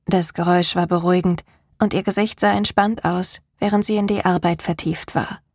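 A woman narrating a novel in the first person, with calm, even storytelling. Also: fairly low pitch, a little fast, no echo, studio quality. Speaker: audiobook narrator.

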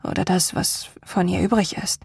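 A haunted, resolute young woman, read by a woman narrator speaks in low, measured, weary tones. Her voice carries a gravelly, breathy texture. The recording is close and dry. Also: fairly even intonation, no room sound, full character voice. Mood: grim. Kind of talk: audiobook character reading.

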